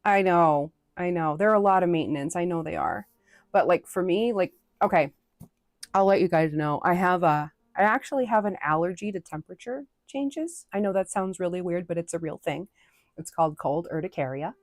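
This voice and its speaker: A woman's voice: on the low side, normal speed, dry recording, clean studio sound. A woman from New England chatting casually with viewers on a live stream, rambling with lots of fillers and restarts.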